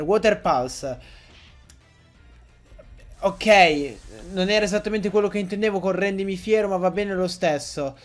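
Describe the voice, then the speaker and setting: A young man giving excitable, joking Let's Play commentary to his viewers, often swearing. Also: high-pitched. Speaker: gaming YouTuber.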